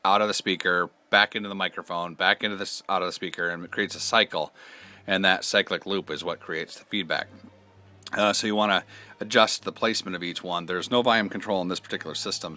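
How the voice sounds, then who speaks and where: The host of this instructional product video is a man whose voice is low-pitched and sharp. He explains the process step by step, casual and conversational, with a hands-on approach.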